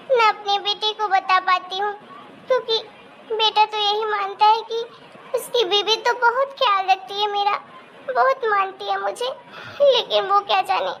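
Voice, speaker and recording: A woman gives voice to a frail old widowed mother-in-law in a homemade family drama. She speaks softly and sadly, like someone worn down and sick, with a faint hiss underneath. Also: very high voice, vocal fry, heavily acted. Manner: weak, quiet and sorrowful pleading.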